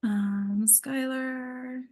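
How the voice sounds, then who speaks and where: A woman organizing an acting table read passes the waiting time with casual chat, drifting off as she checks the participant list. She has a high, darkish voice with fairly even intonation and drawn-out words.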